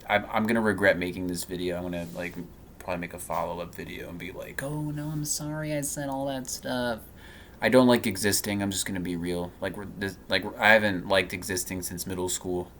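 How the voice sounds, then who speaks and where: Thirties male vlogger, lowish voice, halting rambling delivery, faint background hiss. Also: steady tone, a bit bright. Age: 30s. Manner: halting and rambling, full of fillers and restarts. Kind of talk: personal vlog monologue.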